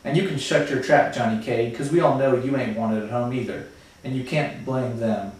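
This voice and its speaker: A man's voice: mid-range voice, moderate pace, close to an everyday voice. A hurt, bitter teenage boy, told earnestly in a mid-range voice, as a man reads him. The voice sounds distant, with heavy room echo. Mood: angry. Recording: very echoey room, far from mic.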